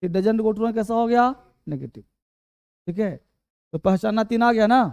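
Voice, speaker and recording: A man teaching an English grammar lesson, talking slowly, repeating key words and quizzing his students. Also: high-pitched, a little mellow, clean tone, dry recording.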